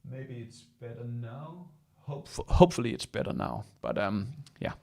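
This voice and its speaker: Casual tutorial host, man, gravelly, hesitant with fillers. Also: mid-range voice, huge pitch swings, darkish tone. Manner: casual, halting with many fillers. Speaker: host of live software tutorial. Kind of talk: live screen-share walkthrough. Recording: voice sounds robotic and echoey at times.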